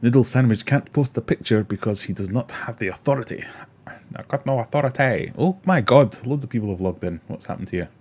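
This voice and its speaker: The livestream host, a Glaswegian man in his forties from Scotland, speaks at medium pitch, a little fast and a little mellow, with lively intonation. He keeps things casual, reading viewers' comments and telling stories that make fun of himself.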